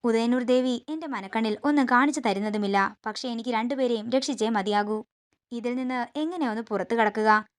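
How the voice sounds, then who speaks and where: A woman's voice: fairly high pitch, moderate pace, lightly acted. A woman voicing a devout, determined young woman held in a cell, reading her lines earnestly within a recap. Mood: resolute.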